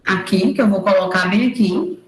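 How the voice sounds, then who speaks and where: A woman lecturer giving an online engineering class, explaining step by step and checking in with quick tag questions. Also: mid-range voice, reverberant, low-quality recording. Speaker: university lecturer. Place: room at home or office, recorded over a digital platform. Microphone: computer mic on a video call.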